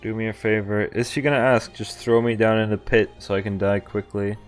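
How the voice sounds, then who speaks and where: A man with a lowish voice and fairly even intonation talks fairly quickly while streaming a visual novel, faint music in the background. He reads the game text aloud, slipping in casual reactions and asides between lines.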